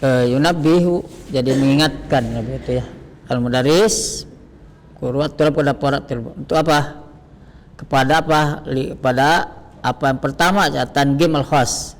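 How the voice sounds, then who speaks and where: A man teaching an Arabic grammar lesson, explaining slowly, repeating terms and asking questions that he answers himself. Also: mid-range voice, in a large hall.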